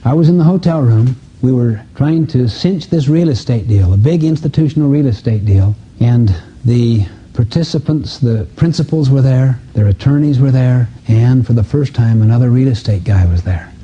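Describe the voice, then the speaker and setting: A seminar speaker gives a motivational lecture, telling anecdotes in an earnest, emphatic storytelling style. His mid-range voice has a dark tone at normal speed, and the lo-fi audio is dull and muffled with a slight hiss or hum.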